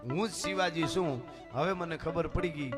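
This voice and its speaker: A young warrior king, voiced by a male folk storyteller, declaims a fierce vow in a loud, high voice. Instrumental music plays clearly behind him. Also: moderate pace, natural voice. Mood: defiant vow.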